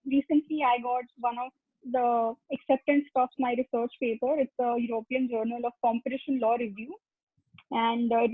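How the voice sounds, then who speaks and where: A woman's voice: a little high, husky, dry recording. A woman speaking as a lecturer on an online panel, earnest and full of fillers and restarts, over a video call. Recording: tinny lo-fi call audio.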